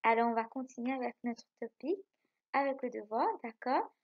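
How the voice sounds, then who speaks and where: A woman with a Mauritian French accent teaching a remote lesson to young pupils, explaining slowly and patiently and checking often that they follow. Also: fairly high pitch, highs cut off. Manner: slow, patient explaining with frequent checks for understanding. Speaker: primary school teacher. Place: home.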